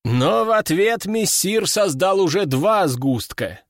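A man narrating a first-person audiobook in a lively storytelling manner, close to the mic. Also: high-pitched, takes it slowly.

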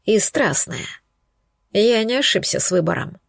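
A woman voicing a stern, domineering husband in an audiobook, speaking low and quiet. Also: expressive, measured pace, creaky, no room sound, studio quality. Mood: soft. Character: stern, domineering wealthy husband, adult man. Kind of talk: audiobook character voice.

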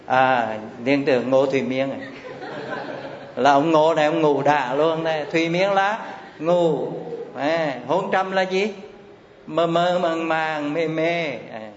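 A slow, deliberate man gives a Dharma lesson, repeating terms and posing questions to his class. His voice sits a bit high and carries a long hall echo, on a slightly dull recording with a faint hiss. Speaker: Buddhist Abhidhamma teacher.

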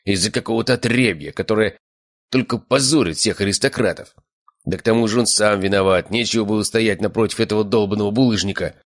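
A man's voice: lowish voice, quick pace, no room sound, studio quality, natural voice. A man voicing a callous, menacing young male gang leader who growls and hisses his orders in an audiobook. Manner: growling, hissing.

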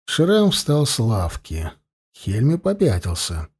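A man narrating an audiobook in a measured, expressive storytelling manner. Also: medium pitch, slightly rough.

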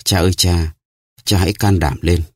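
A man's voice: low-pitched, steady tone, normal speed, a little mellow, no room sound, clean studio sound. A man voicing a tearful young woman pleading with her father in an audiobook.

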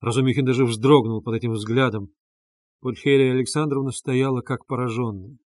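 Brief: male audiobook reader, measured literary narration, mid pitch, dry booth. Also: dry recording. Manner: measured, even reading. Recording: dry close studio sound.

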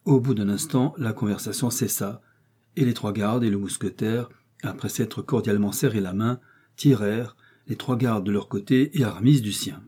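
A man with a husky voice reading a classic novel aloud in a measured, even way. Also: lowish voice. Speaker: audiobook reader. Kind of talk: literary narration.

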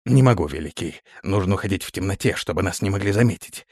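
A man's voice: low voice, expressive, quick pace, darkish tone, slightly rough, dry recording, studio quality, full character voice. A man voicing a formal, rule-bound palace guard officer who speaks steadily. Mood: dutiful, formal. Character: dutiful, stiff male palace guard officer.

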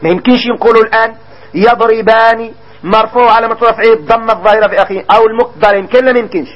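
A man with a Moroccan Arabic accent teaching a grammar lesson, quizzing his listeners and drawing example words out slowly. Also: high-pitched, steady tone, dull audio.

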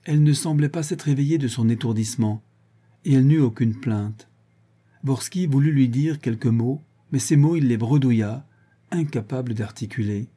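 A man reading a classic novel aloud as an audiobook narrator, measured and theatrical. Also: medium pitch, warm tone, slightly rough. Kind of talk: dramatic literary narration.

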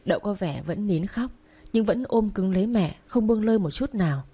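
A woman narrating a romance novel as an audiobook in a steady, even reading. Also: mid-range voice, normal speed, breathy edge.

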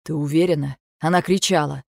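A woman voicing a worried young husband who speaks softly, low and insistently. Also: steady tone, fairly quick, vocal fry, no echo, studio quality. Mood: firm. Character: worried young husband, gentle but firm.

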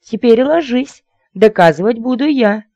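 A man's voice: very high voice, expressive, a little slow, a little mellow, no room sound, dull audio, pitched above the performer's own voice, heavily acted. A man voicing a bossy, amorous woman in her seventies with a thin, squealing voice, for an audiobook. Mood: demanding. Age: 70s.

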